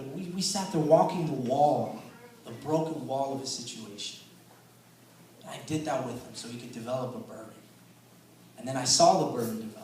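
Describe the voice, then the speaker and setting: A man preaching a sermon in a conversational storytelling way, often saying "man" and repeating words, and getting loud and intense to drive a point home. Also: mid-range voice, slight background noise. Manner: rises loud and intense for emphasis. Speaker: guest preacher. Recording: echoey hall, voice picked up from a distance.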